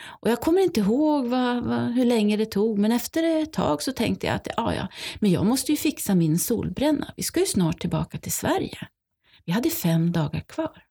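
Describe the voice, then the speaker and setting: Young girl survivor, sombre testimony, read by a woman; husky, creaky. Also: a little high, big pitch swings, dark tone, voice pushed up, full character voice. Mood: shaken. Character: young Swedish girl recounting surviving a tsunami. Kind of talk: first-person testimony reading.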